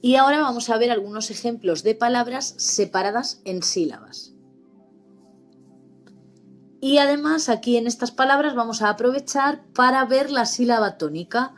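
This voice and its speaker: Patient female teacher with a Spain Spanish accent, voice pitched a bit high, over soft background music. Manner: slow, patient, spells out words. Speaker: literacy teacher for seniors. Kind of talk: explaining grammar lesson.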